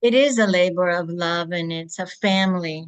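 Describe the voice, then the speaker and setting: A woman born in Greece, speaking as a guest over a video call, reflective and halting, often restarting her sentences. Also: lowish voice, clean tone. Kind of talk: casual interview chat.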